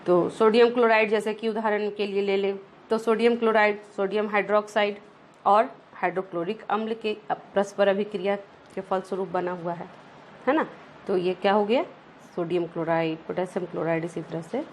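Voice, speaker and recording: A woman's voice: medium pitch, steady tone, moderate pace, a little hiss or hum. A woman teaching a science lesson over slides, often checking in with rhetorical questions and mixing English terms into her explanations.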